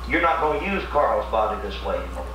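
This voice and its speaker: A man issues firm exorcism commands in a mid-pitched voice, repeating himself insistently. The recording is very echoey and distant, with loud noise and hum. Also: very animated, fast talker. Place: dim indoor room. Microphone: far camera. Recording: very echoey, noisy, distant camera audio with hum.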